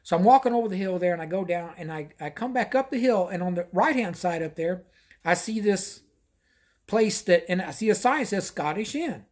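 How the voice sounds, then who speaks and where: A man's voice: sits high, animated, a little fast, a little mellow. A man telling a casual first-person anecdote, rambling and often repeating himself. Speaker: storyteller.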